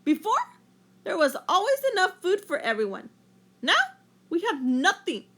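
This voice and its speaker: A woman's voice: extremely high pitch, wildly swooping pitch, measured pace, a bit bright, pitched above the performer's own voice, heavily acted. A woman voicing an earnest, peacemaking male storybook fish with a pleading, emphatic way of talking. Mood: exasperated.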